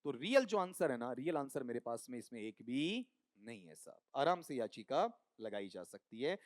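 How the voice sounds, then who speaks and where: A man's voice: fairly high pitch, no room sound, studio quality. A man teaching an exam coaching class, quizzing students with call-and-response questions. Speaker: English teacher.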